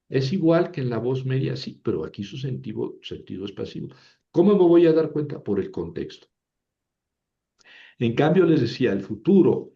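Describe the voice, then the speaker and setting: Male language teacher, mellow tone, unhurried patient delivery, repeats each form. Muffled lo-fi recording. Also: medium pitch. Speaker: Ancient Greek teacher. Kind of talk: recorded grammar lesson.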